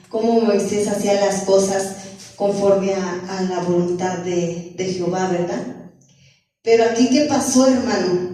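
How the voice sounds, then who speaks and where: A woman's voice: medium pitch, dark tone. Woman preaching from afar in echoey church. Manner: earnest, repeats phrases and asks the congregation questions. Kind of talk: sermon. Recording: echoey church room from far off.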